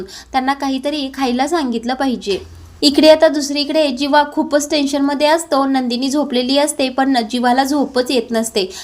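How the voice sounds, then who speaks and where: A woman retelling a TV serial's plot in a steady storytelling way. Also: high voice. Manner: steady storytelling with many "now" links. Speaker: serial episode recap narrator.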